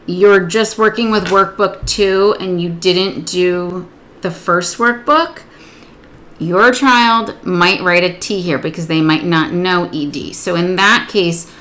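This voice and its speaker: A woman literacy instructor explaining a spelling procedure step by step, patiently modeling words and sounds slowly. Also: fairly low pitch, a bit bright, a little hiss or hum.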